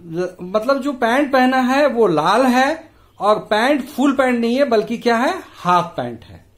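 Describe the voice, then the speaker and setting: A male teacher explaining a storybook lesson to children, patiently quizzing the class and checking they follow. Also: extremely high pitch. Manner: patient, asks the class questions, tags "है ना" often.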